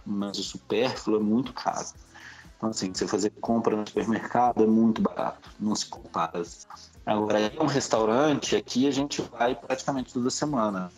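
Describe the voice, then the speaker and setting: In a casual podcast interview, a middle-aged Brazilian man looks back on his own experiences in Brazilian Portuguese. His voice is lowish and darkish in tone, and the audio is slightly dull and lo-fi.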